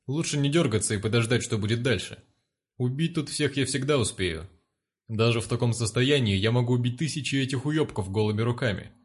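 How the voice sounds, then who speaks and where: A man's voice: medium pitch, slightly rough. A man narrating a story in the first person, in a crude, profane and sardonic way.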